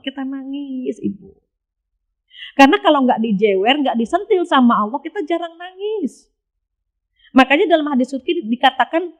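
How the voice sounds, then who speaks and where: A woman preacher giving a casual sermon to women, chatty and often addressing her listeners directly. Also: on the high side. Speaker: Islamic preacher.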